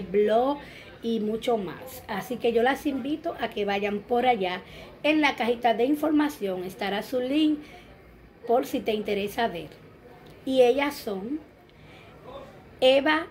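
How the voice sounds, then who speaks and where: A Dominican woman in her thirties talks straight into a close phone camera in a small bright room at home. Her voice sits a little high, and she chats easily, greeting viewers and wishing them blessings. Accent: Dominican Spanish. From Dominican Republic. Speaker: vlogger. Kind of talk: casual vlog chat.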